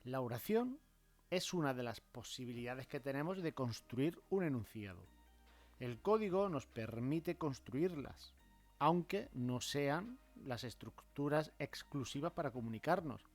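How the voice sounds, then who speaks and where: Man explaining grammar over soft music. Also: mid-range voice, animated. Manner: measured, acts out example phrases with marked intonation. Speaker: language teacher.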